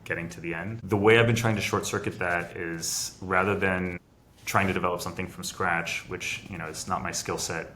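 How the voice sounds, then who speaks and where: On a video call for a casual interview, a middle-aged biotech founder from France walks through a long process step by step, with restarts along the way. He has a deep voice and a sharp tone, and slight background noise is present.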